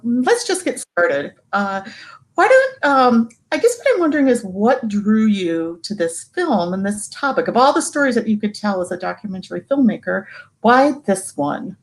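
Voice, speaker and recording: A woman's voice: mid-range voice, poor audio. A woman writer moderating a post-film Q&A, hesitant, with many fillers and repeated words.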